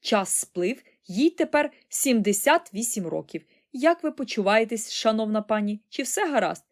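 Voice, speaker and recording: A woman voicing a showy, self-assured old man who announces things crisply and loudly. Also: a little high, expressive, moderate pace. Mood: brisk announcing.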